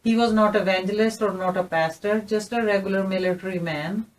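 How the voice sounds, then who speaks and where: A Pakistani-accented woman in her fifties tells her story earnestly as a guest in a recorded interview testimony. Her medium-pitched voice is fairly quick with fairly even intonation, and she sounds somewhat distant from the mic.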